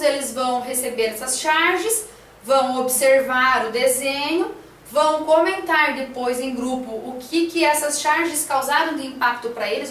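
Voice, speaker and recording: A woman's voice: high voice, a bit bright, echoey room, distant mic, a little hiss or hum. A woman teacher talking through a classroom lesson plan, hesitant, with many fillers and tag questions.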